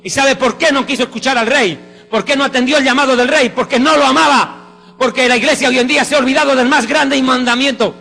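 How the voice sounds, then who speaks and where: A man's voice: extremely high pitch, a little fast, gravelly, sharp tone. A man preaching a sermon with fervent, exclamatory emphasis. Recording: reverberant hall with faint music.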